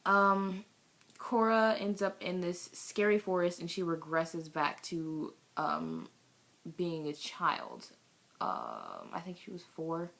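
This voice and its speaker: This is a young woman with a slightly low voice, talking casually in her bedroom about a cartoon she loves. She rambles, fills gaps with ums and gushes with excitement. She is picked up by a camera mic. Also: takes it slowly, gravelly. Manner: rambling, gushing, with many ums and bursts of excited shouting. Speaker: video reviewer. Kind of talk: casual vlog review.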